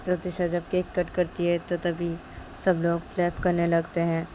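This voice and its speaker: A woman's voice: on the low side, monotone, moderate pace, dark tone, slight background noise, rough recording. A woman narrating a romance story in a plain, conversational way. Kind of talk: casual spoken story narration.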